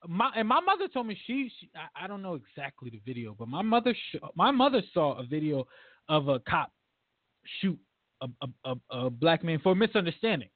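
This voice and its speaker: A man's voice: on the high side, fairly quick, no room sound. A man hosting a casual podcast discussion, talking emphatically and acting out quotes. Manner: animated, emphatic, acts out quotes. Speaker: podcast host. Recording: dry phone-like audio.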